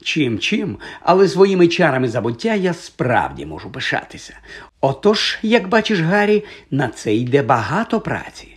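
A man doing a vain, self-important wizard professor from a storybook, his voice jumping high as he stammers and hedges. The tone is husky and a little breathy. He lectures pompously between his nervous fillers. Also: sing-song, normal speed. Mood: pompous, lecturing. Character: vain flustered male celebrity wizard professor.

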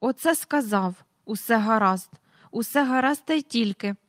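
Woman plays excitable young boy, pleading, high and bright, storybook. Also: moderate pace, no echo, studio quality, natural voice. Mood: impatient. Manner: eager, pleading, impatient.

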